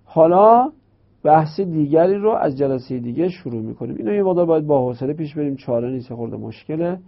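A man's voice: a little high, expressive, gravelly. A man giving a classroom grammar lecture, explaining his points through playful back-and-forth dialogues. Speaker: teacher of Arabic grammar. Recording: dull lo-fi recording.

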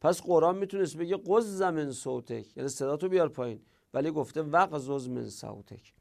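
Gravelly male teacher explaining grammar. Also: on the high side, lively intonation. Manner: explanatory, poses questions then answers them. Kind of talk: explaining Arabic grammar lesson.

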